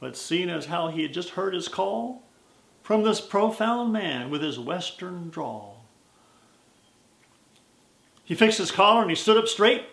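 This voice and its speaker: An American man telling a story in verse as a dramatic, deliberate and strongly emphatic recitation. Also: sits high, animated, vocal fry, fairly bright tone, roomy sound. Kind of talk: dramatic recitation of a cowboy poem.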